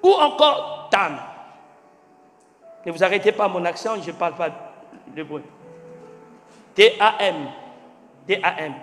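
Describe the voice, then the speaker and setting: A man with a strikingly high voice preaches a sermon, going from shouted peaks down to soft, low lines and quizzing his congregation. He is recorded in a large church hall with long, roomy reverb and faint music underneath. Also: animated, measured pace, long pauses. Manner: emphatic preaching, swinging from shouts to near-quiet; spells out words letter by letter, asks the congregation questions. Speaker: pastor.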